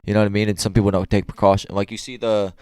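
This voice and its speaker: A man's voice: on the low side, little pitch movement, racing, darkish tone, clear, resonant tone, dry recording. A young man co-hosting a podcast, talking in a laid-back, slangy way full of "like" and "you know.". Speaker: podcast co-host. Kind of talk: casual chat.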